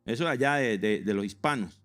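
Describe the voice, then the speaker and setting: A man with a Colombian accent, preaching a sermon in a lively, joking way and acting out stories. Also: fairly low pitch, a little fast, soft background music. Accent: Colombian Spanish. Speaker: pastor.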